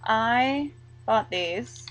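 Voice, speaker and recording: A young woman chatting casually to camera as a vlogger, rambling and halting, full of likes and ums. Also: on the high side, animated, background noise.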